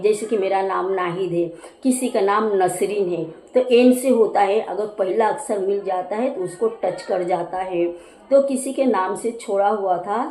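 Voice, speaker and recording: A woman's voice: medium pitch, a little mellow, roomy sound, poor audio. A woman vlogger telling a childhood story in a homely, chatty way, stopping to explain local words. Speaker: cooking channel vlogger. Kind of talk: casual personal storytelling.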